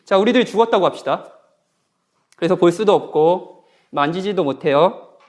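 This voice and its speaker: Lively high-voiced male pastor preaching. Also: normal speed. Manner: conversational, asks the congregation questions. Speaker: guest pastor. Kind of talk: sermon at a Bible conference. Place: church sanctuary.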